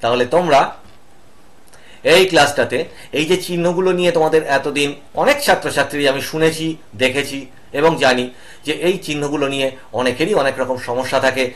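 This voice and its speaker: A man's voice: fairly high pitch, fairly bright tone. A middle-aged man teaching an online lesson, patiently naming each symbol one by one. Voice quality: patient, explanatory, spells out each symbol slowly.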